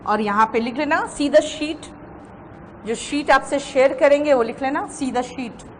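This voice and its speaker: An Indian woman teacher with a high voice lectures on grammar, dictating her notes at a slow, deliberate pace. Her voice rings in a reverberant classroom with faint ambience behind her. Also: slight background noise. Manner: dictates notes slowly, repeating phrases. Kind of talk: classroom lecture in Hindi and English.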